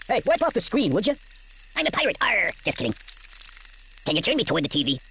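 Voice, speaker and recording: A woman's voice: mid-range voice, big pitch swings, quick pace. A woman voicing a cheeky male ragdoll puppet toy in a video game, tossing off quips and yelping when hurt. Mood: chatty. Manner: quippy, yelps and whines when hurt. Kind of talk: video game character voice lines. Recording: loud noisy game audio capture.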